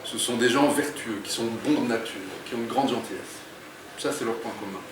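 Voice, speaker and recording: A man, an author, talking in an interview in a thoughtful, hesitant way with many pauses. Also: medium pitch. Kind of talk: interview and reading aloud. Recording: echoey room, distant mic, faint noise.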